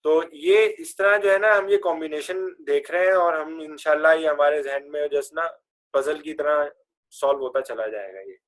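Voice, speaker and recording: ایک مرد استاد کلاس میں عربی فعل کے صیغے پڑھاتا ہے، انگریزی اصطلاحات ملا کر بولتا ہے اور طلبہ سے صیغے دہرواتا ہے۔. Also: male voice, fairly high pitch. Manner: chants verb forms and has students repeat; mixes English grammar terms into his speech. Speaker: Arabic grammar teacher. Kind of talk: classroom lesson with recitation drills.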